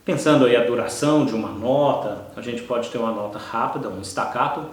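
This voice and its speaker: A Brazilian man with a Brazilian Portuguese accent teaching an online course, who keeps checking in with quick "ok?" and "tá?" asides. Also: mid-range voice, distant mic, soft background music. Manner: explanatory, frequent "tá?" and "ok?" checks. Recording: echoey room, voice from off-mic.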